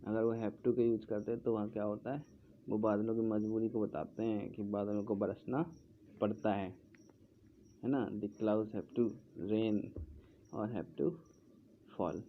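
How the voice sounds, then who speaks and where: A man teaching grammar in Hindi, speaking slowly and repeating words as he writes. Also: fairly low pitch, steady tone, slight background noise. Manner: slow, repeating words while writing on a board. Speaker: English teacher. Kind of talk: explaining English grammar in Hindi. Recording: dull lo-fi sound, faint background.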